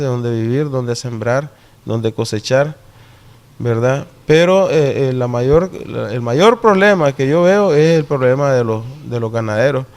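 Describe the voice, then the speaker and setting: Explaining in a measured way during an interview, a man with a Caribbean coast Nicaraguan Spanish accent keeps asking short tag questions to confirm agreement. His voice is mid-range and somewhat dark.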